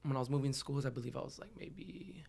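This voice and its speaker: A hip-hop artist from the Los Angeles area, appearing as a podcast guest, tells his own story in a casual, slangy way. His voice is medium-pitched, fast and gravelly, slightly rough yet a little mellow.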